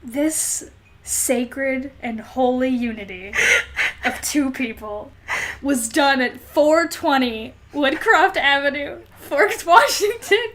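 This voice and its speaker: A podcast co-host chats in a casual, comedic way, and her delivery is exclamatory, dramatic and full of swearing. Her voice is high-pitched and a bit bright, and she speaks at a slow pace.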